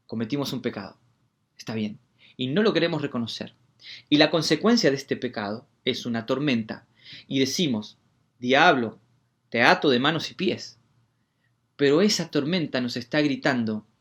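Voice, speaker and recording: A man preaching a sermon as pastor, firing rhetorical questions and talking straight to the congregation. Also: mid-range voice. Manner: swings between hushed asides and loud emphatic declarations; rhetorical questions, addresses listeners directly.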